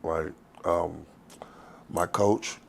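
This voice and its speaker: A man's voice: deep voice, steady tone, drawn-out words, gravelly, slight background noise. A man, telling his life story in a loose, rambling, profane way in an interview. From Texas. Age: 40s. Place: outdoors on the street.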